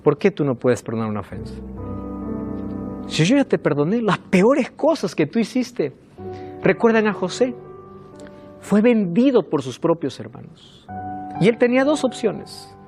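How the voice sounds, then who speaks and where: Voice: mid-range voice, big pitch swings, unhurried, pauses often, music in the background. A preacher delivering a sermon, telling stories expressively, asking the congregation rhetorical questions and repeating phrases for emphasis.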